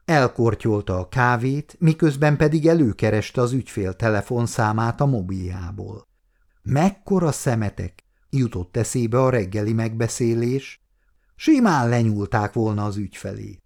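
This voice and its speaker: A man reading a novel aloud as an audiobook narrator, with expressive, animated delivery. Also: medium pitch, vocal fry.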